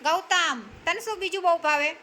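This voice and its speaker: A woman's voice: very high-pitched, steady tone, moderate pace, bright, forceful tone, slight background noise. A woman teacher, encouraging a classroom of young children, calling on each by name and praising each answer. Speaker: preschool teacher.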